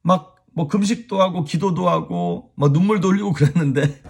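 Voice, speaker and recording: A man giving a casual devotional sermon as a pastor, animated, chuckling and speaking straight to his viewers. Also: high-pitched, normal speed, vocal fry, husky.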